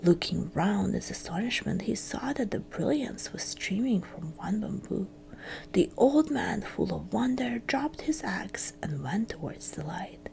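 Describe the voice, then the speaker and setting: A woman reads a fairytale as ASMR storytelling, her medium-pitched voice animated yet kept to a breathy, crackly whisper. Her phrasing is hushed, with gentle pauses.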